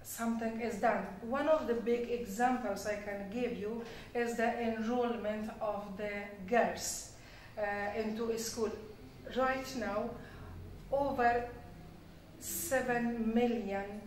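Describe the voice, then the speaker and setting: Woman, even pitch, roomy sound. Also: slow. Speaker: charity representative, interview guest. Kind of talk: spoken interview, explaining. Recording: roomy, distant mic, faint noise.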